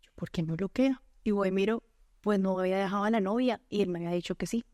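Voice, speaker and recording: A Colombian woman tells her personal faith testimony as a podcast guest, earnest and quick to laugh, often quoting her own words. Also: medium pitch, a little mellow, dry recording, clean studio sound. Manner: earnest storytelling, quick to laugh, quotes herself and God.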